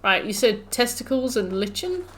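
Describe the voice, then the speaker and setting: A British woman commentates casually on the game she is playing. She is chatty and jokey, reacting out loud in a mid-pitched voice. Some faint game ambience sits behind her. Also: very animated, moderate pace. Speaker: game streamer. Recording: background noise, game ambience. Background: video game sound.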